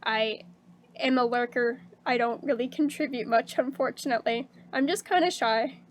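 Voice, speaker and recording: Reading viewer messages aloud on stream, a woman chats into her desk mic in a bubbly, casual way, laughing a lot and leaning on "um" and "like." Her voice is high and a little hoarse, and faint background hiss is audible.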